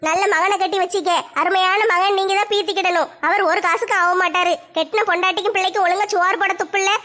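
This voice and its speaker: A woman playing a quarrelsome young village daughter-in-law, scolding with quick retorts. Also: very high voice, steady tone, bright, forceful tone.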